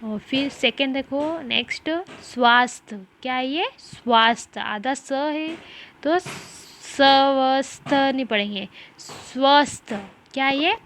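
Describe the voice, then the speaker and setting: A woman teaching a primary school class, reading words slowly syllable by syllable and asking the children questions. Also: high voice, fairly bright tone, slight background noise. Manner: slow, syllable-by-syllable reading drills with repeated questions. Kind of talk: online class lesson.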